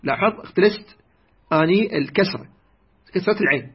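Male recitation teacher, patient lesson tone, lightly raspy, slightly muffled audio. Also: high-pitched. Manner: slow, deliberate, repeats key words. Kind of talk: explanatory lesson on recitation variants. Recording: dull lo-fi recording.

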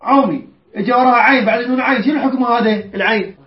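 A man teaching a Quran recitation lesson, chanting verses slowly and quizzing his students. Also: very high voice. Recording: roomy, dull lo-fi recording.

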